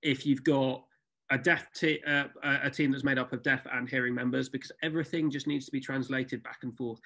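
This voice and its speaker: A man's voice: medium pitch, fairly even intonation, a little fast, bright, forceful tone. A man theatre producer on a video call, speaking thoughtfully with frequent ums on a panel. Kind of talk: panel discussion.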